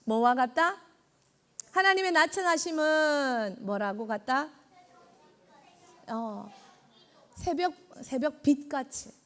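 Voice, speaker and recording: Bright, high-voiced woman preacher. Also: takes it slowly, long pauses. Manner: quizzes the children and echoes their answers; acts out God's words in quoted lines. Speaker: junior evangelist. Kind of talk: children's sermon.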